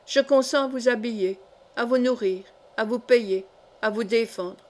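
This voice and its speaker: A woman's voice: fairly high pitch, moderate pace, lightly acted. Woman reading a grave, sly young adventurer. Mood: solemn. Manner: solemn, mock-serious.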